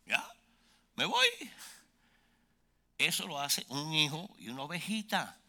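A man of about sixty preaching a humorous sermon, joking with the crowd and swinging between loud outbursts and low asides. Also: expressive, moderate pace.

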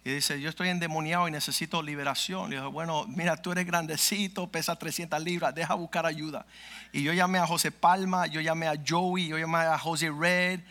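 A man's voice: a little high, fairly even intonation, a little fast, bright, forceful tone. A male pastor telling a testimony in a sermon, acting out the dialogue as he goes. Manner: vivid storyteller acting out dialogue.

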